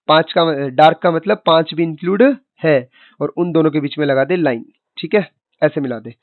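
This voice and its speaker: A male maths teacher with a voice on the high side gives a chatty online lecture, calling his students kid and boss. He voices their questions himself and then answers them, recorded dry with no room sound and a tinny, phone-like quality.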